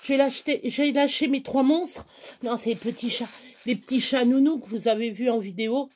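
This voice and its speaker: A woman's voice: fairly high pitch, normal speed, a little mellow. A middle-aged woman vlogging at home, chatting casually to her viewers in a rambling, exasperated way while moving around. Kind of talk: casual chat to camera.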